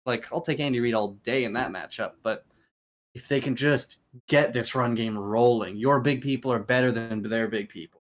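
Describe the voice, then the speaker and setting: Excitable man hosting a sports podcast. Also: medium pitch, moderate pace. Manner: excitable, laughs often, hypes his picks. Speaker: podcast co-host. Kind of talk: casual sports chat.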